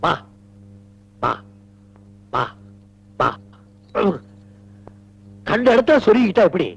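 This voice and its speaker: A man's voice: high-pitched, very animated, drawn-out words, vocal fry, fairly bright tone, breathy edge, highs cut off, heavily acted. An actor playing an indulgent, teasing father of grown daughters, with playful, theatrical scolding in 1980s film dialogue.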